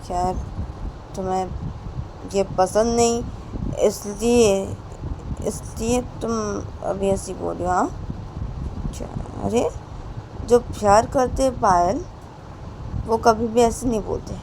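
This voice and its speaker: A woman voicing a young woman who speaks softly and questioningly to her partner, gently coaxing. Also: medium pitch, takes it slowly, vocal fry, long pauses, noisy background, pitched above the performer's own voice.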